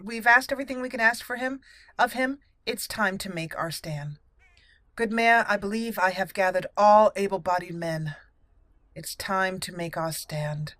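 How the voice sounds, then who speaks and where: This let's play host, who runs a gaming channel, bounces playfully from character lines to casual remarks while game sound plays behind her indoors. She speaks at a moderate pace in a medium-pitched, a bit bright voice with no echo.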